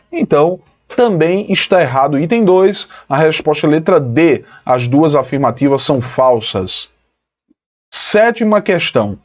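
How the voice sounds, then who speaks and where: Lively teacher man, dull lo-fi sound. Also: fairly high pitch. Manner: lively, explanatory, addresses students as "pessoal". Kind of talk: online exam-prep lesson.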